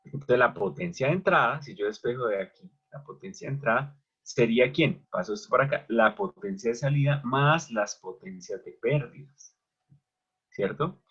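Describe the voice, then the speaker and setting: A man's voice: medium pitch, expressive, normal speed, a bit bright, husky. A man teaching an electrical machines class who keeps asking questions and answering them himself. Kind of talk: online lecture at a whiteboard. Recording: dull lo-fi recording.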